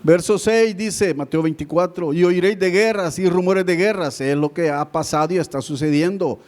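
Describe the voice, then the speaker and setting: Pastor, man, fairly high voice, preaching with a lot of direct address to the congregation, loud peaks dropping to quiet asides. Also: moderate pace. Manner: keeps addressing listeners as brother, swings between loud and hushed. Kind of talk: sermon.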